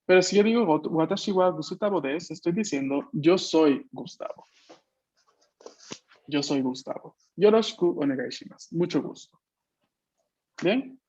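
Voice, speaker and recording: A man's voice: a little high, animated, moderate pace, pauses often, darkish tone, breathy edge, lo-fi sound. A man teaching a Japanese class online, explaining patiently and checking that his students follow. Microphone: video call.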